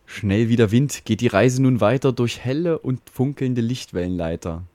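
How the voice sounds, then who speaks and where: A man's voice: medium pitch, normal speed, dark tone, dry recording, natural voice. A man voicing a boastful, fatherly network router in a rhyming comic ballad, reciting in a soothing, self-important way.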